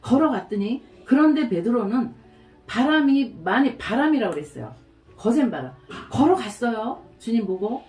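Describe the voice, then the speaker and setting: A middle-aged woman pastor delivering a sermon, telling stories with animated, acted-out quotes. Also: fairly high pitch, normal speed. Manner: storytelling, animated, acts out quotes. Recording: roomy, from a distance, faint music.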